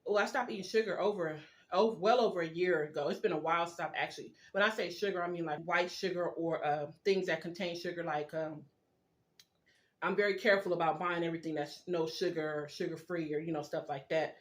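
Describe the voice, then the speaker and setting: A casual, confiding vlogger with a mid-pitched voice talks while chewing. The delivery rambles in an informal way, as if sharing a meal with viewers, with words formed around mouthfuls of food. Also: steady tone, fairly quick. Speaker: video blogger. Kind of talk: casual chat while eating, mukbang style.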